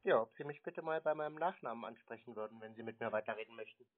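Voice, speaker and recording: A man of medium pitch speaks quickly over a narrow, tinny phone line with no echo. He's a prankster answering scam calls, dry and needling, sounding sardonic, challenging and evasive.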